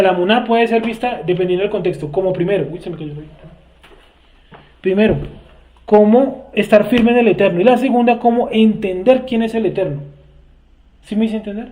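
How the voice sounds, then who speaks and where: A high-voiced man with a Bogotá Colombian accent leads a Bible study group. He talks in a relaxed, conversational way and keeps asking his students whether they understood. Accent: Bogotá Colombian Spanish. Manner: conversational, checks understanding often, asks the class questions. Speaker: teacher leading a Bible study class. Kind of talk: informal religious teaching.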